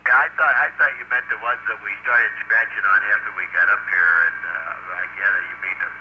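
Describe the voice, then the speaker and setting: An American man speaks casually as an astronaut radioing down from orbit. His voice is fairly low. The transmission is lo-fi and dull, with clear static over it. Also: fairly even intonation, fairly quick. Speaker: astronaut aboard space station. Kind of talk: casual spaceflight radio exchange.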